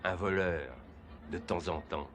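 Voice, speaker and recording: An actor playing a world-weary, cynical crook in a film scene. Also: male voice, deep voice, fairly even intonation, unhurried. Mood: dry, cynical. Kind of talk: film drama acting. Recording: noisy film soundtrack.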